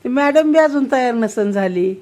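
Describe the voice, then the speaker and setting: A young woman, a mother, chatting playfully with her little daughter, teasing her with lots of quick questions. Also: a little high, lively intonation, dark tone.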